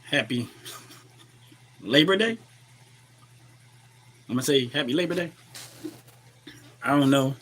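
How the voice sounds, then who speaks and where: A man with an American accent hosting a casual, opinionated livestream commentary while a little under the weather, clearing his throat and repeating phrases for emphasis. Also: mid-range voice, lively intonation, takes it slowly, pauses often, fairly bright tone, a little hiss or hum. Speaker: livestream host.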